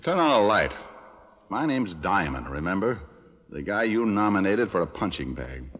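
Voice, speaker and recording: Wry, low-voiced radio private eye. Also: male voice, very animated, normal speed, fairly bright tone, slightly rough, full character voice. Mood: wry, defiant. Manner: wry, sardonic. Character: wisecracking, hard-boiled male private detective, cool under threat. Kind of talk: 1940s radio detective acting and narration.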